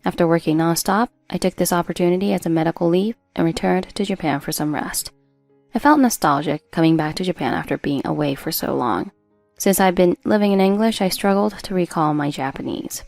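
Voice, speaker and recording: Woman narrator, low voice with gravelly fry, dry close sound, first-person story read. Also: brisk, darkish tone, no echo, faint music behind.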